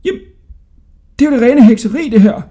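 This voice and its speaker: A man's voice: very high voice, animated, mellow, voice pushed up. A man voicing a bewildered, grumbling old male jailer in a storybook reading. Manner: muttering, flustered.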